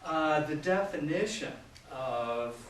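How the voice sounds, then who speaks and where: A man's voice: a little high, animated, takes it slowly. A man in his sixties giving an informal public lecture as a professor, chatty and self-deprecating with lots of fillers. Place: large lecture room with an audience. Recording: echoey hall, mic at a distance, audience noise.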